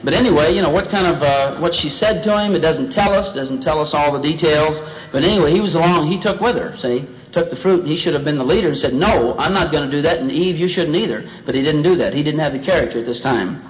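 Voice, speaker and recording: A man's voice: a little high, fast talker, few pauses. A man teaching a Bible passage in a folksy sermon, chatty, with joking asides. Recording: dull lo-fi recording.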